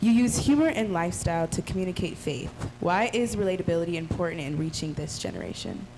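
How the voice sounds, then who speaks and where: A woman's voice: fairly low pitch, very animated, fast. A young woman moderating a panel, upbeat and friendly. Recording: noisy event recording.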